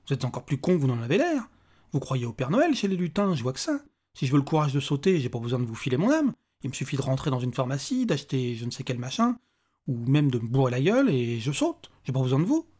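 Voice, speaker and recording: A man reading aloud and voicing a despairing, disbelieving man who answers in a blunt, rude, sharp-tongued way. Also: medium pitch, sing-song, fast talker, breathy edge. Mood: incredulous. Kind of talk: audiobook character voice.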